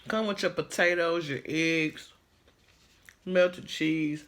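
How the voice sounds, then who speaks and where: A man's voice: fairly high pitch, fairly even intonation, slow, fairly bright tone. A man chatting casually to viewers in a slangy, laid-back way while eating, chewing as he talks. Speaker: mukbang vlogger.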